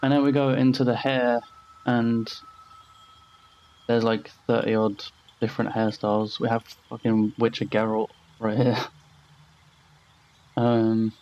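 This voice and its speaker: A man's voice: mid-range voice, little pitch movement, a little slow, pauses often, a little mellow. A young man casually commenting over his gameplay as a channel host, rambling and blunt with frequent swearing. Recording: slightly dull lo-fi voice-over.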